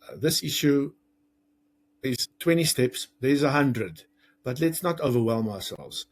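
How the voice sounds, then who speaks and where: South African man, husky voice, mid-pitched, lively teaching talk, joking. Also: measured pace. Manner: lively, conversational, jokes and acts out quoted lines. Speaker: parenting coach and teacher. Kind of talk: educational talk to camera.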